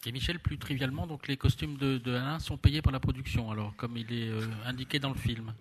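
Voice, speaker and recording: A man's voice: medium pitch, steady tone, fairly quick, slight background noise. A man moderating a press conference and putting questions to the guests.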